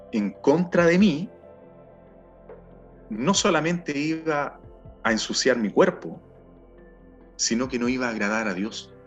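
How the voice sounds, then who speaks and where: A middle-aged Chilean man telling his personal testimony in an earnest, halting way, often repeating words as he searches for them. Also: mid-range voice. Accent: Chilean Spanish. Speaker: testimony speaker. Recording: dull sound with faint music behind.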